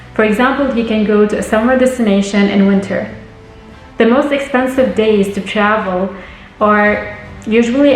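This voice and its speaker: Young woman, travel vlogger, friendly tips, roomy echo, soft background music. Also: mid-range voice. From Lebanon. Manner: friendly, explanatory, gives tips. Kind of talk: scripted vlog narration.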